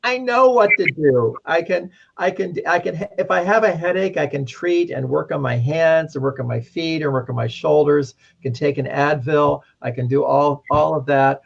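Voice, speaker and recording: A man's voice: on the high side, steady tone, moderate pace, gravelly, hardly any pauses, husky. A man who practised massage for many years, telling rambling stories in a casual panel chat, with frequent restarts. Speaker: guest, former massage therapist and witch. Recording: dull lo-fi sound.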